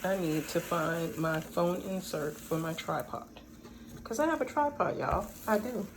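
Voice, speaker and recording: A woman's voice: on the low side, animated, measured pace. A woman chatting casually to viewers while making something at home, playful and talkative with frequent asides. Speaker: vlogger. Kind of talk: casual chat while doing a home craft. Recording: audible background noise.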